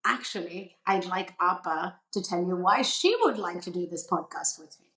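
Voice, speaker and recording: A middle-aged woman from India hosts a reflective podcast. She talks in an earnest, measured way and lists her points in short phrases. Her voice carries a roomy echo. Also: lowish voice, a bit bright. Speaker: podcast host.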